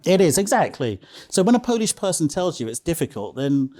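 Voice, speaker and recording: A man's voice: on the high side, sing-song, a little fast, dark tone. A man speaking casually as an interview guest, telling anecdotes emphatically, repeating phrases and checking in with the listener. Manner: emphatic, repeats phrases, tags statements with "okay?".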